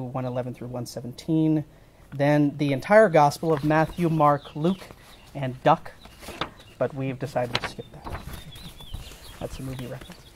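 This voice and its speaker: Wry wedding officiant, mid-pitched man. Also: a little mellow. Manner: wry, explanatory. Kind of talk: informal wedding ceremony address. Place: live wedding ceremony. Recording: live ceremony with faint ambient noise.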